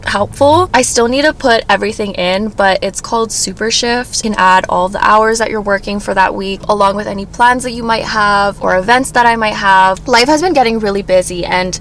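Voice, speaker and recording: A woman's voice: medium pitch, normal speed, hardly any pauses, fairly bright tone, a little hiss or hum. A young woman chatting casually through a Q&A vlog she films herself, sometimes talking while chewing a snack. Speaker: vlogger. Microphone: self-filmed on camera.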